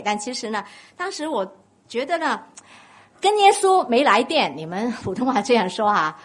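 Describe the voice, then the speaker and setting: A woman from Guangdong with a Cantonese accent, preaching a sermon and telling stories while putting questions to the congregation. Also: on the high side. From Guangdong, China. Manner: animated storytelling, questions to the congregation.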